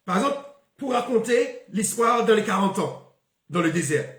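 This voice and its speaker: A man's voice: high-pitched, expressive, normal speed, a bit bright, roomy sound. A man giving a spoken Bible lesson, stopping often with fillers and repeated words. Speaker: Bible teacher.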